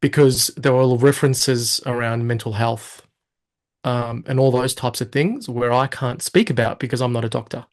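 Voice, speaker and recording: A man in his thirties, speaking at a middle pitch, is a guest in a relaxed interview. He tells his story with gusto, dropping into quick acted-out asides in which he quotes what went through his head at the time.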